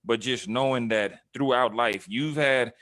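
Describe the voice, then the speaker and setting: A man in his thirties hosting an interview, talking in an affirming, brotherly, halting way. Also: mid-range voice, a bit bright, no echo, clean studio sound. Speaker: host. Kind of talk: casual interview talk.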